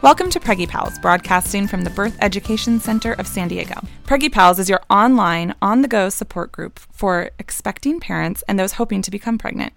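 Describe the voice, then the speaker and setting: A woman's voice: mid-range voice, a little fast, creaky, hardly any pauses, soft background music. A woman in her thirties hosting a casual podcast, upbeat and chatty. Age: 30s. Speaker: host.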